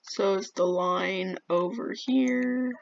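A woman's voice: medium pitch, slow, gravelly. A woman commenting while she plays a game, jumpy and easily flustered, often exclaiming. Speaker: gamer. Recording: dull lo-fi mic.

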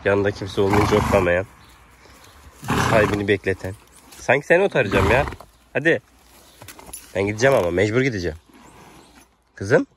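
A man's voice: lowish voice, expressive, a little fast, long pauses, a bit bright, slight background noise. A man talking affectionately to his horses outdoors and addressing viewers, coaxing and calling to them with repeated words. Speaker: rural vlogger caring for his horses. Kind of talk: casual vlog talk to animals and viewers. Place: outdoors in the countryside near animals.

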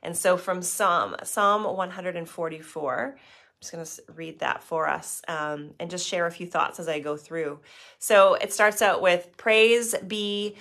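Middle-aged woman pastor, low voice, gentle and unhurried, devotional reflection with scripture. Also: gravelly. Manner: gentle, unhurried, with many fillers and restarts.

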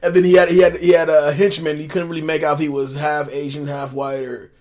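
A man co-hosting a casual movie recap chat, easygoing and agreeable, often trailing off quietly. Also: a little high, little pitch movement, fairly quick, a crowd in the background. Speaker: co-host of a movie recap show.

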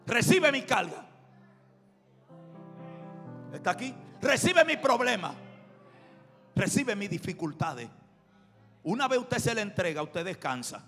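Man, pastor, impassioned sermon, sharp bright tone, faint music in a long-reverb hall. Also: high-pitched, big pitch swings, slow, pauses often. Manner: shouting, impassioned preaching with anecdotes. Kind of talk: preaching sermon.

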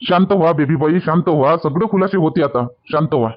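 A man's voice: on the high side, fairly quick, slight background noise. A man with a Varhadi accent acting in a rustic village comedy sketch, talking emphatically and repeating himself. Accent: Varhadi Marathi. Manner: emphatic and repetitive, pleading. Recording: dull lo-fi sound.

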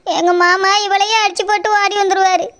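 A woman plays a young bride with a Kanyakumari Tamil accent, worried and pleading. Her voice is very high in a homemade village drama. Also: flat delivery, brisk, fairly bright tone.

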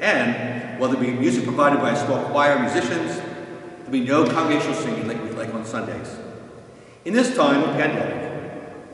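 An older man, a parish pastor, calmly walking listeners through a church ceremony in plain terms, often restarting his phrases. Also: medium pitch. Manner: calm, plain explaining with frequent restarts. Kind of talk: instructional walkthrough. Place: large empty church. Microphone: far camera. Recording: echoey church from far off.

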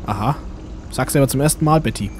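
A man's voice: medium pitch, fast, darkish tone, slight background noise. A man giving casual game commentary, rambling to himself and to the game's characters. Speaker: let's play host. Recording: game music behind the voice.

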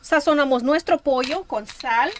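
A woman's voice: high-pitched, a little slow, slight background noise. A woman narrating a cooking tutorial voice-over in a homey, enthusiastic way. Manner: warm, homey, enthusiastic about the food. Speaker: cooking channel host.

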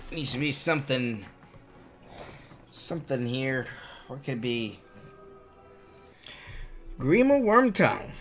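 A man's voice: mid-range voice, a bit bright. A man giving casual live-stream commentary while playing a game, swearing freely. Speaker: gaming streamer.

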